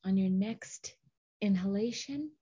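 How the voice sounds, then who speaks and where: A woman host leading a guided meditation in a soft, soothing, breathy manner with long pauses. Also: mid-range voice. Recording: dull, lo-fi audio.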